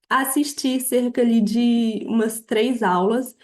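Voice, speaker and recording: A young adult woman with a Brazilian Portuguese accent, a podcast guest telling her story in a lively way, laughing often and acting out quoted dialogue. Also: on the high side. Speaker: podcast guest, affiliate marketer. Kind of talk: casual interview storytelling.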